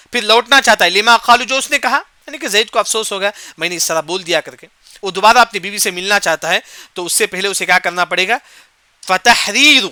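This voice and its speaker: A man with a high, very bright and forceful voice teaches a Quran commentary lesson. He keeps posing questions and answering them himself, repeating each point. The sound is close and dry. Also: no room sound. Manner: asks and answers his own questions, repeats key points; recites short Arabic verse phrases then glosses them.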